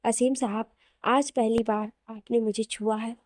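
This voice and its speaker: A woman voicing a hurt but loving young wife who speaks softly and emotionally. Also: on the high side, steady tone, a little slow, no room sound, studio quality, close to an everyday voice. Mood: tender. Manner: soft, pleading, emotional.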